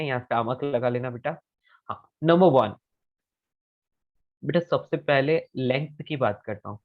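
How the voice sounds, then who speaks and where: A man's voice: mid-range voice, muffled recording. A male physics teacher, giving an online class and patiently repeating key phrases. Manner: patient, repeats key phrases slowly, calls students beta.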